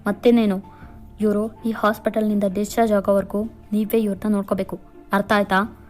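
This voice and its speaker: A woman's voice: medium pitch, level tone, fairly quick, soft background music, close to an everyday voice. A woman voicing a hospital doctor who firmly lectures and explains duties in a fan-fiction voice-over. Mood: stern. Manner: firm, lecturing, matter-of-fact.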